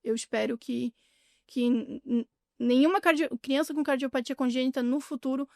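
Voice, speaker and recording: A Brazilian woman talks candidly as a podcast guest, often pausing and restarting. Her voice is a little high with a gravelly edge. The sound is dry and close to the mic. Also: fairly even intonation, a little mellow, no room sound. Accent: Brazilian Portuguese. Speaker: interview guest. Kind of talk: casual interview chat.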